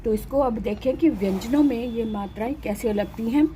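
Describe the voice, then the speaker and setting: A woman's voice: fairly high pitch, normal speed, warm tone, a little hiss or hum, low-quality recording. A woman teaching a patient, step-by-step lesson, saying each syllable twice. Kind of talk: slow step-by-step Hindi lesson.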